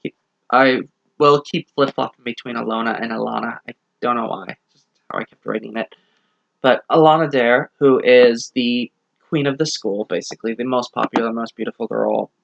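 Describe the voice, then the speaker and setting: A man talking through a book review in a loose, chatty way. He retells the plot at length and stops often to correct himself. His voice sits at a middling pitch. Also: steady tone, normal speed, gravelly, highs cut off. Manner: rambling plot summary with self-corrections. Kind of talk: casual book review vlog.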